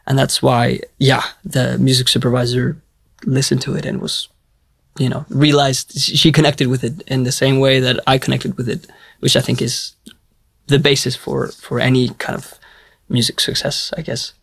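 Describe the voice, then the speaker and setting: A man's voice: mid-range voice, flat delivery, moderate pace, vocal fry, fairly bright tone, breathy edge, no room sound. A young man from Iceland, a musician talking in an interview in a hesitant, reflective way with many restarts. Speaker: musician guest. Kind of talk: casual interview talk.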